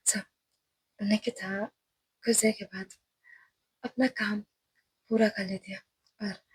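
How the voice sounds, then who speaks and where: A woman's voice: mid-range voice, breathy edge, low-quality recording. A woman narrating a romance story in a chatty, conversational way, adding her own comments on the characters.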